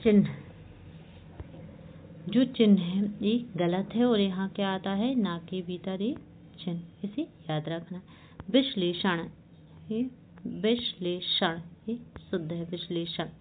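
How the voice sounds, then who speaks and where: Woman teacher drilling words slow, says each one twice, asks quick checks, thin phone-like sound with a bit of hiss. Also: medium pitch. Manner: checks with short questions, often says "theek hai". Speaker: Hindi teacher. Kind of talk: online exam-prep class. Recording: tinny phone-like audio, faint hiss.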